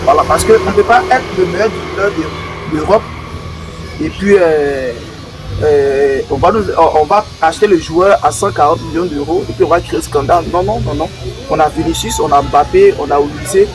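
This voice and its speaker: A man's voice: fairly high pitch, normal speed, rough recording. A man giving emphatic football opinions, often repeating words as he searches. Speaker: football pundit. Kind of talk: debate commentary. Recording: music bed behind voice.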